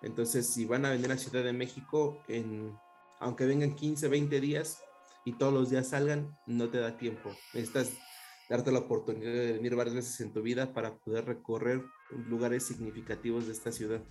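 A man's voice: medium pitch, steady tone, moderate pace, a little mellow, faint music behind. A Mexican man with a blended Veracruz and Mexico City accent, chatting casually as a podcast co-host who often restarts his sentences. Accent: mixed Mexican, Veracruz and Mexico City. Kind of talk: casual chat.

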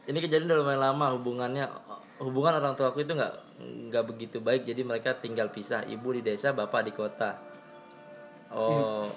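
A man's voice: fairly even intonation, brisk, faint music behind. Man reading listener ghost stories. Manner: crude slang, bursts into high laughter. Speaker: podcast co-host reading listener emails. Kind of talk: casual chat.

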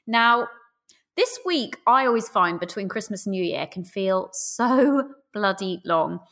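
A woman's voice: mid-range voice, animated, unhurried, a bit bright. A British woman in her thirties speaks straight to listeners as a podcast host and coach, chatty, breezy and cheeky with theatrical emphasis. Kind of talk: solo podcast, chatty direct address to listeners.

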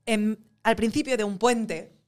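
A woman tells a story in a lively, animated way, voicing her own past words as she goes. Her voice sits a little high for a woman. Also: measured pace. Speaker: actress, interview guest. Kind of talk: lively anecdote in casual chat.

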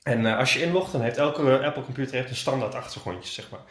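A young student co-hosting a casual chat, relaxed and chiming in with jokes. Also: male voice, medium pitch, quick pace. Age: young adult. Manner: relaxed, chimes in with jokes and song quotes. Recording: echoey room.

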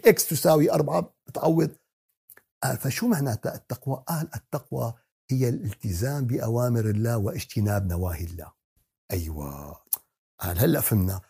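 A man teaching Quran commentary. He asks the audience questions, answers them himself, and addresses the listeners warmly. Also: on the high side, vocal fry, husky. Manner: talks to the audience as "beloved ones" in a warm teaching tone.

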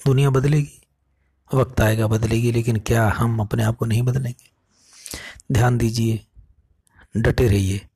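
A man telling a moral story in an earnest, preachy, animated storytelling manner. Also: medium pitch, a little slow, pauses often, husky, dry recording, studio quality. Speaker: motivational speaker.

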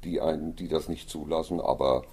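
A man hosting an interview, asking questions in an affirming, measured way with a husky voice. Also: very deep voice, fairly even intonation, dark tone. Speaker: interviewer host.

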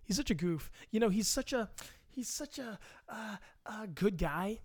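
A man's voice: sits high, lively intonation, unhurried, darkish tone, no echo. A young man co-hosting a casual podcast. He jokes, teases and drops silly mock raps into a close microphone. The sound is dry. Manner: joking, playful trash talk and mock rapping. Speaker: podcast co-host. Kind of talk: casual chat. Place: home room at a computer.

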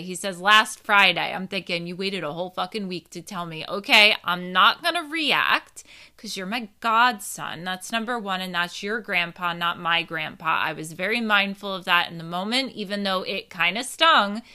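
A woman's voice: medium pitch, sharp tone, smooth. A woman hosting a casual storytelling show. She speaks candidly to her listeners, swears now and then, and turns reflective. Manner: candid, profane, reflective, addresses listeners as y'all. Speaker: podcast host telling a story.

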